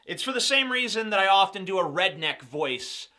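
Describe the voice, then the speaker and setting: A man's voice: high voice, expressive, normal speed, sharp tone. A young man giving sarcastic, mocking commentary on video clips. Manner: mocking, sarcastic, laughs at own jokes.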